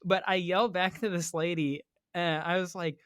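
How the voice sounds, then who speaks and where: A man telling a story as a podcast guest in casual chat, animated and slangy, acting out the people he quotes. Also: high voice, normal speed, clear, resonant tone, dry recording, studio quality.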